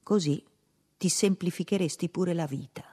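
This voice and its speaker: A woman reading aloud from a diary in a measured, reflective way. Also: lowish voice, mellow, breathy edge. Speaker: reader. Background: faint music.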